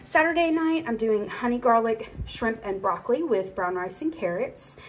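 A woman's voice: on the high side, expressive, moderate pace, a little hiss or hum, poor audio. A young woman hosting her own cooking channel, chatting casually through a grocery haul in her home kitchen. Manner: chatty, rambling, with fillers and asides.

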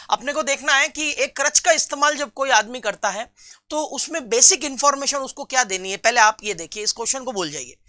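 A man teaching a live online class for nursing exam students. He reads out viewers' answers, calls them friends and repeats key terms slowly. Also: extremely high pitch, sharp tone, no echo, studio quality.

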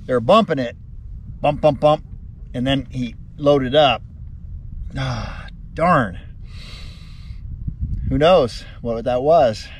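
A middle-aged man on a bass boat, chatting to his viewers as he casts and reels in fish. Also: takes it slowly, pauses often, slight background noise. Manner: talks to viewers while casting, upbeat and chatty. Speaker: fishing vlogger. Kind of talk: casual fishing vlog commentary. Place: open bass boat on a lake, outdoors.

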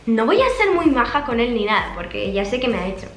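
High-voiced young woman vlogging. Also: big pitch swings, fast talker, slight background noise. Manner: chatty, dramatic, reads messages aloud with punctuation. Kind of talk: casual storytelling, reading text messages aloud. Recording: echoey room with faint background music.

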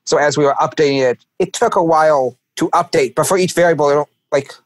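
A researcher and programmer on a podcast chats casually about technical research work, informal and often saying "like." His voice is on the high side and quick, with no room sound.

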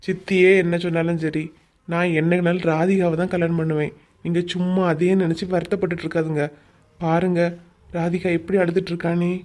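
A woman's voice: lowish voice, little pitch movement, brisk, darkish tone, lightly acted. A woman voicing an earnest young groom who speaks firmly and reassuringly, with a Kanyakumari Tamil accent, in a cartoon story. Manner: firm, reassuring.

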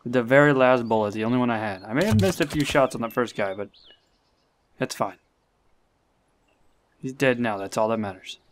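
Excitable young man narrating gameplay. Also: mid-range voice, normal speed, long pauses, a little hiss or hum. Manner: excitable, talks to himself, swears and laughs. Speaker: gameplay commentator. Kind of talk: live gameplay commentary.

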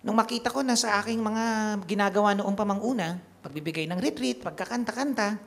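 A man's voice: high-pitched, brisk, creaky, a bit bright. A middle-aged male priest and songwriter preaching at a concert recollection, telling a story earnestly with self-deprecating humor.

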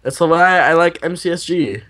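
A man's voice: on the high side, normal speed, bright, forceful tone. A man co-hosting a casual gaming chat, playful and rambling, often trailing off mid-sentence. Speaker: co-host gaming guest.

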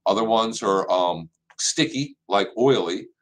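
A man in his sixties hosting a live online plant clinic from his office, giving practical advice in a relaxed, conversational way with the odd filler. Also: lowish voice, measured pace. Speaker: extension horticulture host. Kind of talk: live-stream gardening Q&A. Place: office with framed certificates on the wall.

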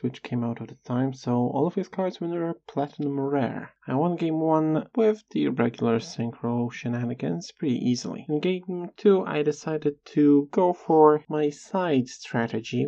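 A video creator narrating a scripted personal story in a measured, slightly halting way with dry sarcasm, on a dull lo-fi recording. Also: medium pitch, vocal fry, dark tone.

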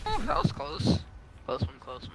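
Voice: high voice, huge pitch swings, moderate pace, vocal fry, raised voice. A gamer chatting casually while playing, teasing and incredulous, in loose slang. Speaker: video game player. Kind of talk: casual gaming chat. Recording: noisy game audio with clicks.

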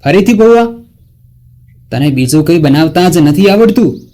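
A man's voice: on the high side, lively intonation, measured pace. A man voicing a bullying, angry young husband. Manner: shouting, scolding.

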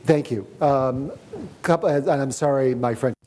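A man's voice: mid-range voice, unhurried, a little mellow. A man from the United States, a guest speaker talking informally to an audience.

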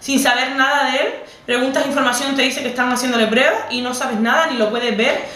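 In a roomy recording with the mic set well back, a young vlogger with a Canarian Spanish accent emotionally retells a personal story to camera, repeating herself conversationally. Her voice is high-pitched, brisk and sharp, with fairly even intonation.

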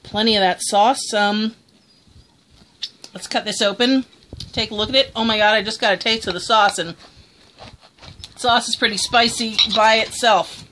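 A woman's voice: on the high side, steady tone, normal speed, pauses often, a bit bright, a little hiss or hum. A woman chatting casually through a food review, exclaiming as she tastes.

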